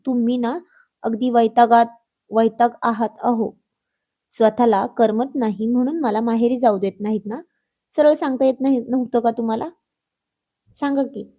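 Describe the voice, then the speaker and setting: A woman's voice: a little high, fairly even intonation, moderate pace, long pauses, dark tone. A woman voicing a sulky young wife who pouts and acts coy with her husband. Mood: tender. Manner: pouty, coy. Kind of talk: acted dialogue in a read story.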